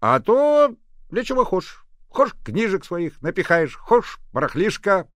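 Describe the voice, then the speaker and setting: A man voicing a loud, gruff war veteran in a read-aloud story, speaking in rough folksy phrases. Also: high-pitched, sing-song, unhurried, no room sound, voice pushed up, heavily acted. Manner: shouting, rough folksy speech.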